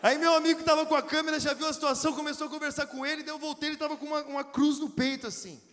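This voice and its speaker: A preacher at a youth conference, a man with a Brazilian Portuguese accent, tells a casual, slangy sermon story rapid-fire in a very high, fairly bright voice with fairly even intonation, acting out the dialogue. The large hall gives a long reverb, with the audience murmuring.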